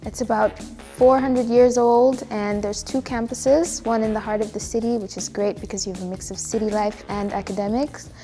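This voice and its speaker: A woman's voice: fairly high pitch, fairly even intonation, normal speed, dark tone. A nineteen-year-old woman from Zimbabwe, a student chatting upbeat about her university. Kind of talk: casual interview answers. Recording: background music under the voice.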